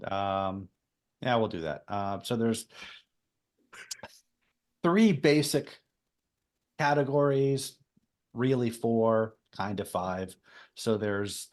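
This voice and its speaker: A man co-hosting a podcast, explaining theology in a relaxed, conversational way with frequent ums. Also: on the low side, takes it slowly, pauses often. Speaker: podcast co-host. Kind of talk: casual theology podcast discussion.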